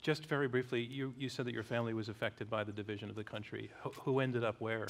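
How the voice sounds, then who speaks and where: A man in his sixties hosting an onstage conversation, with a measured, emphatic broadcaster delivery. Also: medium pitch, steady tone, gravelly. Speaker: debate host and moderator. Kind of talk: onstage interview. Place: large theater stage with audience.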